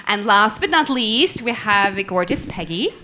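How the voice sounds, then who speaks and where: Woman panel moderator with a bright, forward voice, effusive and upbeat. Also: mid-range voice, expressive, moderate pace, slight background noise. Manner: enthusiastic, effusive. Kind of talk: live panel discussion. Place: event room with a live audience.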